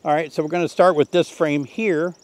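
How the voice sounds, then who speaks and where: A man in his sixties teaching a beekeeping test outdoors by the hives, talking in a relaxed, folksy way while he works. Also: a little high, brisk. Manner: relaxed, folksy, thinks aloud while working. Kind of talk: hands-on outdoor demonstration. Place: outdoors in an orchard beside beehives.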